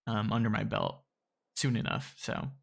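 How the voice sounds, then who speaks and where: A man's voice: lowish voice, little pitch movement, normal speed, gravelly, breathy edge. A man casually chatting while playing a strategy game on a live stream, easygoing and hesitant, with plenty of ums and chuckles.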